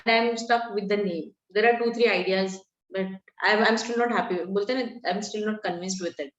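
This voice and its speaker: A woman's voice: medium pitch, steady tone, moderate pace, echoey room, muffled recording. A woman with an Indian English accent asks for advice, hesitating and mixing in Hindi words. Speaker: participant asking for advice.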